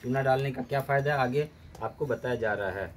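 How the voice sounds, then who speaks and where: A man giving a steady, step-by-step gardening demonstration, often mixing English terms into his explanations. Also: mid-range voice, brisk, a little hiss or hum. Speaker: gardening instructor.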